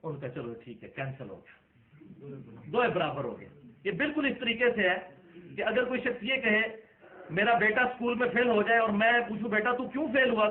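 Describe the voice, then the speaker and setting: A man giving a religious lecture, arguing his points and now and then bursting out with emphasis. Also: sits high. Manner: argumentative, rising to emphatic outbursts. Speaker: Islamic lecturer. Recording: tinny phone-like lo-fi sound.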